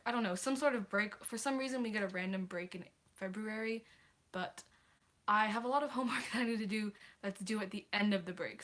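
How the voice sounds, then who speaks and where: Her voice is fairly high and fairly bright: a teenage girl hosting a relaxed livestream, responding to viewer questions in a chatty, apologetic way full of hesitations.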